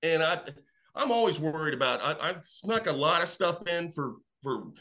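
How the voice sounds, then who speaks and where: A man guest chatting casually, telling animated stories and acting out what people said. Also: a little high, moderate pace. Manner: animated, acts out quotes. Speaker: wrestling fan guest. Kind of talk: casual storytelling.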